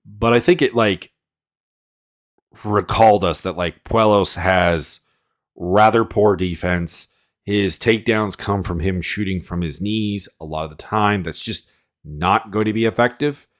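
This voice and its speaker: A man with a fairly low voice and an unhurried pace hosts as an MMA analyst. He has a cold and sniffles while rambling through casual, opinionated fight predictions packed with fillers.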